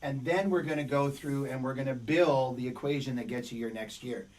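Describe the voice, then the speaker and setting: His voice slightly worn from battling a cold, a middle-aged business coach delivers webinar teaching that is emphatic, repetitive and motivational. The pitch is medium, the pace fairly quick and the tone a little mellow, captured far from the mic in a low-quality recording.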